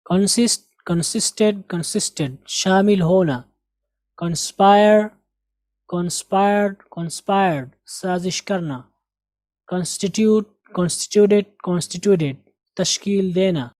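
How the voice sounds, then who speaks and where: A man teaching an English lesson, patiently repeating words and sentences slowly for pronunciation practice. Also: high-pitched, a little mellow, no echo. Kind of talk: recorded language lesson.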